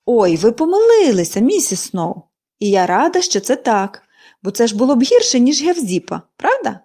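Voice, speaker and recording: A woman's voice: a little high, sing-song, normal speed, dark tone. A woman voicing a cheerful, chatty young girl in an audiobook reading, gushing and eager.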